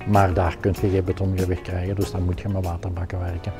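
A man's voice: deep voice, monotone, fast, loud music behind the voice. A middle-aged man with a Flemish accent, a technical production director explaining his work in a practical, hesitant way with many fillers.

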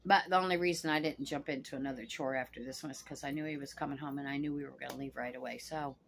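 This is a very deep, creaky female voice moving at a quick pace with fairly even intonation, and a little background noise can be heard. The speaker, in her sixties, sits on a couch in a small room at home, cussing and talking bluntly to the camera in a casual vlog.

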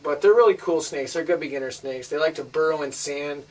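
Low-voiced woman hosting a home video. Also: a little fast. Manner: upbeat, coaxing the children on camera. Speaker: host showing a family snake collection. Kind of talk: casual home video chat. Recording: distant home camera audio, light hiss.

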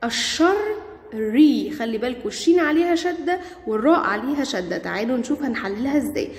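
A woman's voice: on the high side, animated, fast talker. A woman with an Egyptian Arabic accent teaching primary school grammar, asking questions and praising her pupils. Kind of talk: classroom grammar lesson. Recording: echoey room with long reverb.

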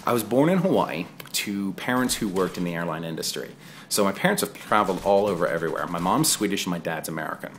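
A man's voice: sits low, lively intonation, quick pace, slight background noise. A man in his thirties who grew up in England, giving casual, digressive voice-over commentary on his own gameplay. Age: 30s. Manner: conversational and digressive, chatty asides. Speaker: gaming video creator.

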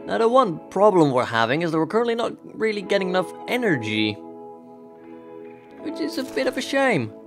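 A man's voice: high-pitched, very animated, a little fast. A young man casually commentating his gameplay in a chatty, upbeat way, thinking aloud as he plays. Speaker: let's play host. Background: background game music.

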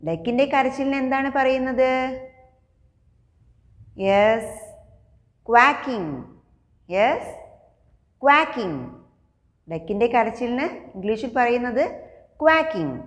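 A woman with a Malayali accent teaching young children English, speaking slowly and repeating each new word. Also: a little high, expressive, big-room sound. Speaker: primary school English teacher. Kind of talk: slow classroom lesson for young children.

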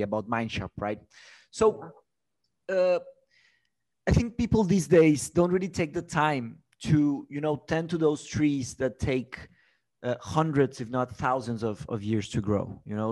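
A young man from Brazil, raised in Mexico, hosting a casual interview with a close studio microphone and often filling pauses with "uh". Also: mid-range voice, darkish tone. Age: young adult. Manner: friendly, fills pauses with uh. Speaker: podcast host. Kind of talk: casual interview on a video call.

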